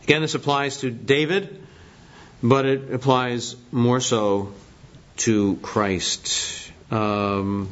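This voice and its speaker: A man's voice: mid-range voice, steady tone, very slow, a bit bright. A man teaching a Bible study lesson in a conversational way, asking the class questions as he goes. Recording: dull lo-fi recording.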